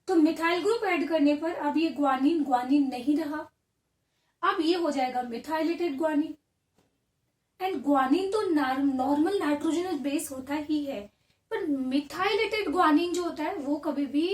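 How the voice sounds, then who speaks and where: A woman teaching biology, who explains step by step and asks and answers her own questions. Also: sits high. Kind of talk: classroom lecture. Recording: roomy echo, a bit far from the mic.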